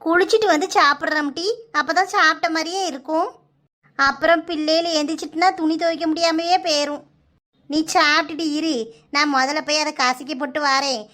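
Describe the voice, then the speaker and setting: In a comic cartoon, a woman plays a chattering village mother with a Kanyakumari accent, her voice pitched very high and sing-song. She fusses and gives orders in a quick, homely way. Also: steady tone, sharp tone. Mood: chatty. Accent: Kanyakumari Tamil. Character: fussy older village mother, doting and bossy. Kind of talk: cartoon comedy voice acting.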